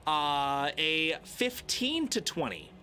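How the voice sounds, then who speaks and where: A man running a tabletop game on a casual group stream as game master, narrating in a halting way with repeated words. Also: on the high side, very animated, pushed and bright, soft background music.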